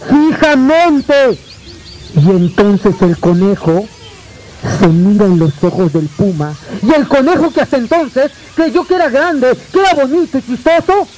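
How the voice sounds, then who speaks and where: A man with a Mexican accent telling a folk tale to a live audience, with dramatic drawn-out repetitions and joking asides. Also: very high-pitched, warm tone, slight background noise, rough recording. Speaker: storyteller. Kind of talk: live oral storytelling.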